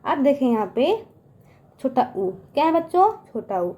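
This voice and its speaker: A woman teaching young children in a coaxing voice, often addressing them and slowly stretching out each syllable as she sounds it. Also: high voice, sing-song, mellow. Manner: coaxing, repeats "ठीक है" and "बच्चों" often. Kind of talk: children's lesson.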